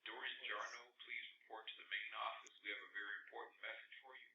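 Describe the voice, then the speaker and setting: A man's formal paging announcement comes through a school intercom speaker. It sounds distant and bounces around the room. A faint hiss sits under his bright, dull-edged tone. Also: lowish voice, little pitch movement, fast talker. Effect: school intercom announcement over a loudspeaker. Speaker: school office staff. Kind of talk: public address announcement. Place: school office, heard through a classroom speaker. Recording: distant, echoey, muffled loudspeaker with faint hiss.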